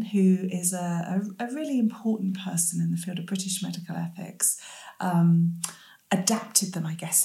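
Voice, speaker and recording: A woman with a mellow voice gives reflective, self-deprecating answers in an interview. Her Rs come out close to Ws. She talks thoughtfully, and the room adds noticeable echo. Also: lowish voice. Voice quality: says w for r, cannot pronounce R clearly. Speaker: interview guest, medical ethicist.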